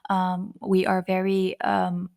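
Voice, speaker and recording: A woman speaks as an interview guest. Her mid-pitched voice has a creaky edge and fairly level intonation, and she explains her points earnestly in a conversational way. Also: completely flat delivery, takes it slowly, a little mellow. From Azerbaijan. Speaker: interview guest, YouTuber and etiquette coach.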